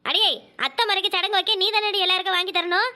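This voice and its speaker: Woman doing a high, bright, quick cartoon housewife, scolding and sarcastic, Kanyakumari Tamil accent. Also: fairly even intonation, heavily acted. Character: sharp-tongued, indignant young housewife.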